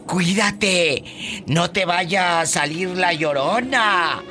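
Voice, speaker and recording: A man hosting a radio call-in show, teasing callers with flamboyant, quick jokes. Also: high voice, bright, forceful tone, faint music behind. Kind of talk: playful radio call-in banter.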